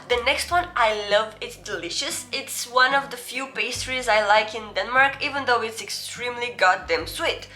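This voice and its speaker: A woman's voice: fairly high pitch, bright, forceful tone. A young woman from Romania with a Romanian accent gives a casual, chatty, self-deprecating language lesson, sounding out foreign words as examples. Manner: reads out foreign words slowly as examples between explanations. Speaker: video host.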